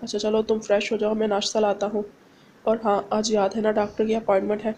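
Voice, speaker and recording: A woman's voice: medium pitch, completely flat delivery, fairly quick, darkish tone, a little hiss or hum, close to an everyday voice. A woman voicing a loving young husband who soothes and teases his wife, read as part of a novel. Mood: teasing. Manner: soothing and playful.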